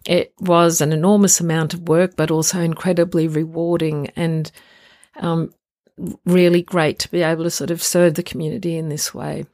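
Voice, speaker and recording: A woman hosting a solo podcast in an informal, reflective and earnest way, her voice croaky from getting over the flu. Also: low-pitched, level tone, moderate pace, darkish tone, no echo, studio quality. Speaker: podcast host.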